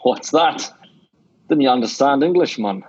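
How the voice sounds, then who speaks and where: An actor playing a shrewd, blunt middle-aged Scottish theatre owner, with a Scottish accent, in an old-time radio drama. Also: male voice, medium pitch, lively intonation, a little slow, husky, no room sound. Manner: blunt, scolding, sly. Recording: dull dry lo-fi radio recording.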